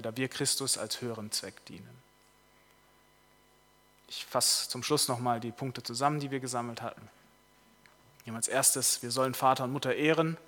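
A man preaching a sermon, telling a story in a lively way before summing up his points. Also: mid-range voice. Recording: long reverb of a large hall.

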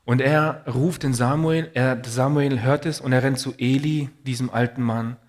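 A man's voice: medium pitch, fairly even intonation, normal speed. A man preaching a sermon in an earnest, personal way, telling stories and reading Bible passages.

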